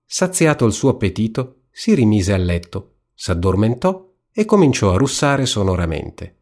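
Male storyteller, fairy tale reading, low voice, animated lilting intonation. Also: normal speed. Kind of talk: fairy tale read aloud.

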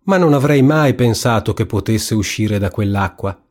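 A man's voice: fairly low pitch, animated, moderate pace, darkish tone. A man putting on a whiny spoiled princess. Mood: pleading. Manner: whiny and raised. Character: spoiled young princess, tearful and fickle. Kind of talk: storybook reading.

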